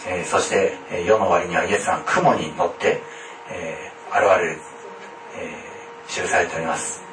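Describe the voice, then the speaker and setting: A man preaching a sermon in a formal, measured way, often pausing on hesitant fillers. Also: deep voice, fairly even intonation. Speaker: pastor. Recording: echoey room, distant mic, faint noise.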